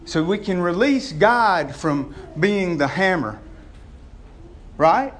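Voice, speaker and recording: Higher-voiced folksy preacher. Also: male voice, expressive, takes it slowly. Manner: folksy, addresses listeners as gang, boys and y'all; poses questions to the listeners. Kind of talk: informal conversational sermon to a congregation.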